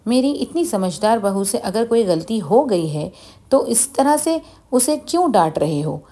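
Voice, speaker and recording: A woman's voice: mid-range voice, big pitch swings, measured pace, warm tone. A woman doing a kindly older father-in-law. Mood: fatherly.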